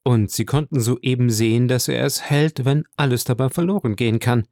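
A man voicing a proud aristocratic woman who asks quick, teasing questions, read as an audiobook figure. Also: medium pitch, a little mellow, no echo, clean studio sound, natural voice. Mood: lively.

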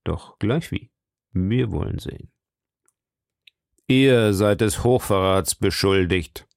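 A man voicing a cold, commanding older cardinal who speaks slowly in a low, measured tone. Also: lively intonation, a little mellow, dry recording, clean studio sound.

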